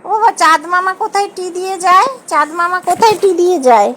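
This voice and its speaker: A woman's voice: very high-pitched, fast, a bit bright, slight background noise. A woman, a mother coaxing and questioning her baby in sing-song baby talk.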